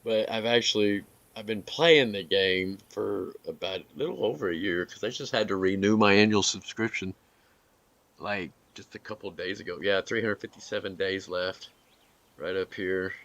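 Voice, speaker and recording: A man giving relaxed, rambling commentary over his gameplay, with filler words and some hiccups. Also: low voice, moderate pace. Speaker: gaming video creator.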